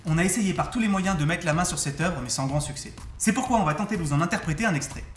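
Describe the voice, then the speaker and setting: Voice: mid-range voice, fast. A science presenter giving scripted explanations of demonstrations. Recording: roomy echo under music.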